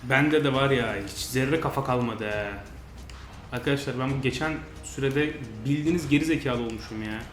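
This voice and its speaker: A man giving frustrated, grumbling commentary over a football video game, now and then yelling at his players. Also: medium pitch, moderate pace. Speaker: gaming channel host. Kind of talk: live commentary over gameplay. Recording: roomy sound with faint noise.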